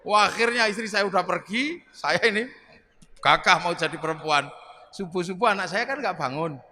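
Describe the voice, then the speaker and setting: A middle-aged man giving a humorous sermon, telling stories in an animated way and acting out the voices. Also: high voice, moderate pace. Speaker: preacher. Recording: reverberant hall, faint background noise.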